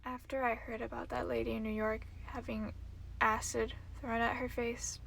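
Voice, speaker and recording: A woman's voice: on the high side, little pitch movement, normal speed, creaky, fairly bright tone, slight background noise. An actress playing an uneasy woman who muses about her safety in a film monologue. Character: uneasy woman wary of random violence.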